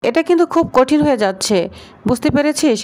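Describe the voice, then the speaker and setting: A woman's voice: high-pitched, animated, fairly quick, a little mellow. A woman voicing a worried woman who pleads and warns. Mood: pleading. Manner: pleading, warning.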